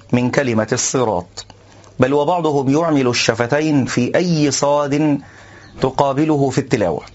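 A man teaching the correct recitation of a verse, explaining calmly and then reciting examples slowly and deliberately. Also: mid-range voice, lo-fi sound. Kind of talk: instructional lesson with slow recited examples.

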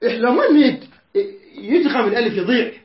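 High-voiced man teaching recitation, echoey room. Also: expressive, fast. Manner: explains patiently, asks his students rhetorical questions. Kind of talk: tajweed lesson with recited verses. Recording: echoey room, dull lo-fi sound.

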